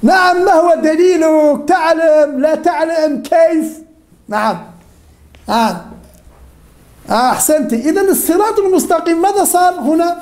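High-voiced woman quizzing her class. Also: moderate pace, a little mellow. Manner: repeats questions and calls on students. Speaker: religion teacher. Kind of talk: interactive class lesson.

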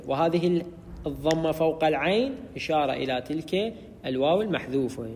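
A man's voice: fairly high pitch, a little mellow, long reverb tail. A man teaching Arabic grammar in a methodical lecture, repeating key terms and correcting himself as he goes. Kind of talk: explanatory lecture.

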